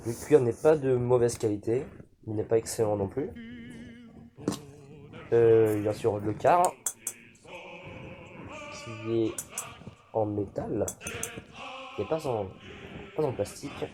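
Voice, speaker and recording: A man's voice: mid-range voice, slow pace, long pauses, warm tone. A young man presenting an unboxing video in a casual, hesitant way, with many fillers. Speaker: YouTuber unboxing militaria. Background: background music.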